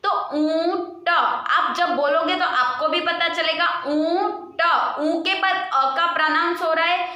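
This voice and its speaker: A woman teaching Hindi to young children, slowly drawing out each word and then answering her own questions. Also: very high voice, fairly even intonation, bright, forceful tone, heavy reverb. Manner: slow, patient, drawn-out word repetition; asks questions and answers them herself. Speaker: primary school Hindi teacher. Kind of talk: online lesson for young children.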